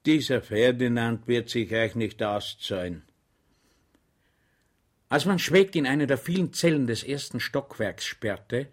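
A man narrates an audiobook with measured, wry delivery. His voice sits at a middling pitch.

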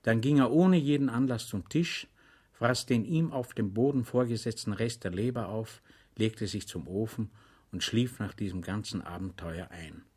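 A man narrating an audiobook in a measured storytelling manner. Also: on the low side, darkish tone, breathy edge. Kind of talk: audiobook reading.

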